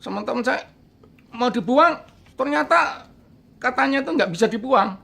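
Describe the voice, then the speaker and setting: An older man casually telling a personal ghost story, animated, acting out his friends' lines and laughing now and then. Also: extremely high pitch, normal speed, gravelly. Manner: animated, voices friends in quotes, laughs often.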